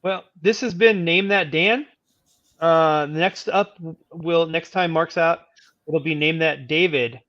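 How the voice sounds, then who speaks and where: A man's voice: fairly high pitch, slow, a bit bright, no echo. A man hosting a livestream with casual chat, heard through slightly muffled audio. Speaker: live show host.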